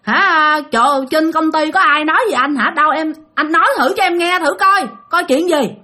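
A woman voicing a worried wife who presses her husband with quick questions. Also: high voice, bright, forceful tone, voice pushed up. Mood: anxious, pressing.

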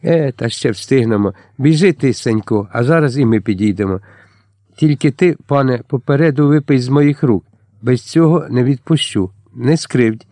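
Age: adult. Sex: man. Figure: a man voicing a boisterous, hearty deacon. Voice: raised, loud. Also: mid-range voice, normal speed, dry recording, studio quality, lightly acted. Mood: coaxing. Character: boisterous hospitable man, a deacon hosting a feast.

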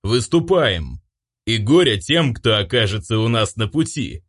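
A man voicing a stern old grandfather, head of a noble clan, who speaks with booming authority. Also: expressive, normal speed, fairly bright tone.

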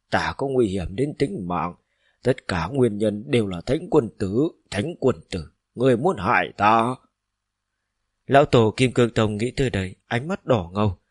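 A man narrating a fantasy novel as a steady, even audiobook reading. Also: lowish voice, dry recording, clean studio sound.

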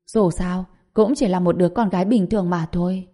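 Woman, story narrator, steady even reading, mellow warm tone. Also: on the low side, fairly quick.

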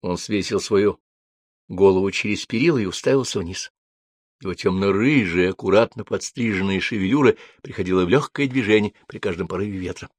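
Low-voiced man narrating a story. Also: a little fast, dry recording. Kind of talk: scripted narration.

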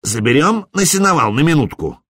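A man's voice: on the high side, big pitch swings, brisk, a bit bright, slightly rough, no room sound, clean studio sound, pitched above the performer's own voice, heavily acted. A man doing a crude, leering mercenary. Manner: crude jeering. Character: coarse lecherous male mercenary.

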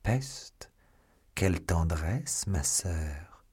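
A sardonic, steely English nobleman, as a male audiobook reader voices him. The voice is deep and husky, close to the reader's own. He speaks in a measured, quietly mocking tone. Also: animated, heavily acted. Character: stern English baron, sly and mocking. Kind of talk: audiobook character voice.

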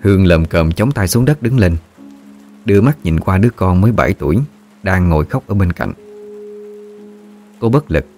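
Male narrator, low voice, measured scripted ghost-story reading over soft music.

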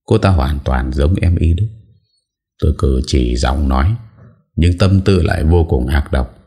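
An earnest young man, as the narrator voices him in a storybook reading. The voice is very deep and husky and earnest. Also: unhurried, mellow, heavily acted. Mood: urgent.

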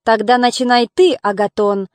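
A woman reading the lines of a commanding old king in an audiobook, speaking in loud ceremonial proclamations. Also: on the high side, fairly even intonation, moderate pace, smooth, no room sound, close to an everyday voice.

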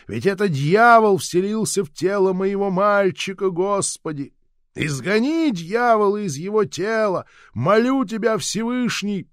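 A man voicing a fanatical old grandmother who loudly shrieks prayers in an audiobook. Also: expressive, unhurried, no room sound, clean studio sound. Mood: fervent praying. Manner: shrill, fervent, pleading exclamations. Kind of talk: audiobook reading.

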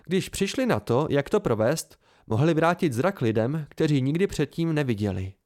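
A man's voice: a little high, very animated, a little mellow. A man voicing an earnest young female student who explains insistently.

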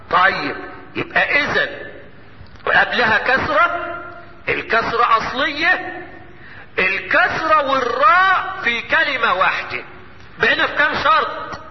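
A man with an Egyptian Arabic accent and an extremely high-pitched voice teaches Quran recitation rules in a lesson, quizzing his students, answering his own questions and chanting verses slowly. The recording is muffled and lo-fi, with an echoey hall and faint hiss.

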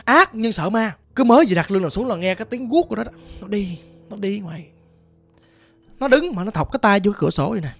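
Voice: medium pitch, lively intonation, quick pace, creaky, a bit bright, slightly rough, heavily acted. A storyteller voicing a cruel but frightened rich old mother, who talks bluntly and coarsely in a Southern Vietnamese accent, over faint music. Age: older.

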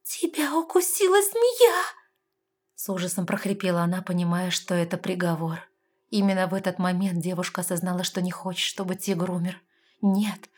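A woman's voice: fairly low pitch, a little mellow, slightly rough. Woman reading a novel aloud. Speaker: narrator. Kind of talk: audiobook narration.

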